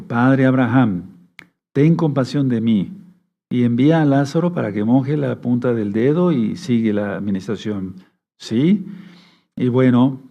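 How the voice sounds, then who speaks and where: A man preaching a Bible study sermon, reading verses aloud slowly and often checking that his listeners follow along. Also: medium pitch, warm tone, highs cut off. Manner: reads scripture aloud slowly. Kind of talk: sermon teaching.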